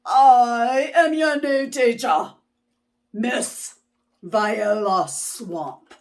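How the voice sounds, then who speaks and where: Casting: a woman plays strict storybook witch of a schoolteacher, slow, snapping, commanding delivery. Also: a little high, voice pushed up. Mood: stern, bossy. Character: strict, mean witchy substitute teacher woman.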